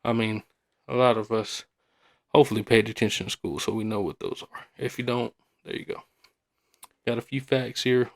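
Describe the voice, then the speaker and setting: Man, podcast host, mid-range pitch, very creaky fry, casual rambling chat, colloquial.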